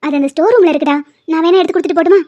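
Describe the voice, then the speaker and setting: Woman doing a doting old grandmother, high-pitched. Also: rapid-fire. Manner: warm, doting, affectionate. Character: kindly elderly grandmother, doting housekeeper. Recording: dull lo-fi sound.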